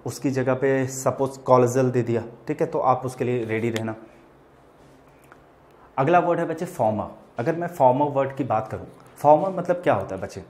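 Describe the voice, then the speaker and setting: Guy teaching english words in hindi, keeps saying theek hai, drags out the examples slow. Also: mid-range voice, a little mellow. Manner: addresses students as bachelors "bachche", repeats "theek hai" often; stretches out words and example sentences slowly. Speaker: vocabulary teacher. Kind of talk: classroom vocabulary lesson.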